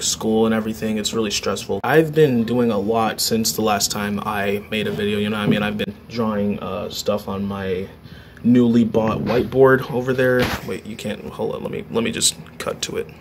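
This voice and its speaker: A man's voice: on the low side, steady tone, moderate pace, a little hiss or hum. A teenage young man chatting casually in a vlog, joking and correcting himself as he rambles along. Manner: jokey, rambling, self-correcting. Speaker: vlogger.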